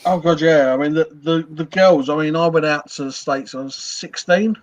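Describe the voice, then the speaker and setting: A man's voice: a little high, normal speed, no room sound. An English man co-hosting a casual chat, telling stories with hesitant fillers. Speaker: co-host. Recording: dull dry lo-fi mic.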